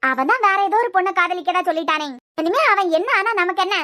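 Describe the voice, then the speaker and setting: A woman's voice: extremely high pitch, quick pace, sharp tone. A woman voicing a proud young wife in a cartoon series who fiercely defends her family, lecturing and defiant, with a Kanyakumari Tamil accent. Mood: reproachful. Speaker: cartoon character. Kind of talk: cartoon web series dialogue.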